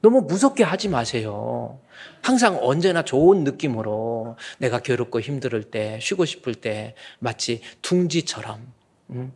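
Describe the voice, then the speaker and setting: A man in his fifties, a senior pastor, preaching a lively, folksy sermon and acting out quoted voices now and then. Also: medium pitch, a little slow, breathy edge.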